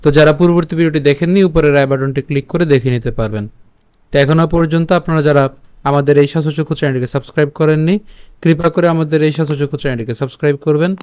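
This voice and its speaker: Clear-voiced man teaching verse. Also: on the high side, steady tone, a little mellow, dry recording. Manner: slow syllable-by-syllable chanting and repeating of verses. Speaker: Gita teacher. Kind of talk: teaching Sanskrit verse pronunciation.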